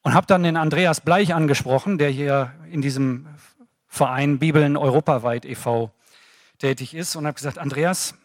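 A man's voice: on the high side, normal speed, no room sound, studio quality. A middle-aged man giving a personal faith testimony, telling his story casually and voicing his own thoughts as quotes.

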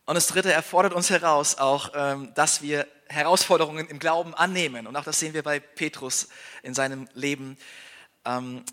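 A man preaching a sermon with a bright, forceful tone and a voice pitched a little high. He talks earnestly and informally, tossing in little tag questions and restarting phrases as he goes. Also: steady tone, moderate pace. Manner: restarts and repeated words. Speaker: pastor and church planter.

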